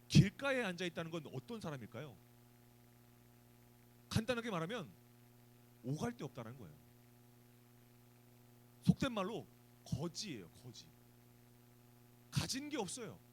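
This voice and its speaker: A man's voice: a little high, a little hiss or hum, rough recording. A man preaching a youth sermon, asking the students questions and acting out little scenes. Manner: animated, asks the students questions, acts out scenes. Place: church youth service.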